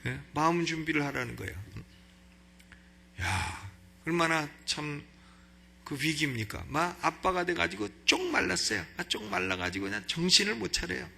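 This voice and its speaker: A man in his fifties, a pastor preaching, who swings between loud exhortation and chatty storytelling. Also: a little high, big pitch swings, moderate pace, gravelly. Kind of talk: expository sermon. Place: church sanctuary.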